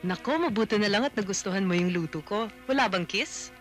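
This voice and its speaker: A woman's voice: mid-range voice, animated, brisk, music in the background, close to an everyday voice. Actress as feisty woman friend, mid-range voice, defiant, film drama. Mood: teasing. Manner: teasing, then defiant. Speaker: friend who cooks for the hero.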